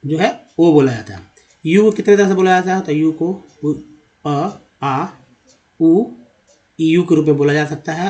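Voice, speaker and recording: Male English tutor, fairly high voice, slow repetitive word-by-word drilling, chatty with viewers. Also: dark tone, dull audio. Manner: drills words one by one, repeating each several times; asks questions and then answers them himself. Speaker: English teacher. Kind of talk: slide-based pronunciation lesson.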